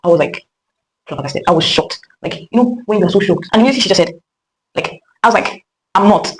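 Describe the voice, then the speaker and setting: A woman's voice: on the low side, lively intonation, a little fast, rough recording. A young woman with a Nigerian accent, rambling chattily through a casual storytime monologue with many fillers and restarts. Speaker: vlogger.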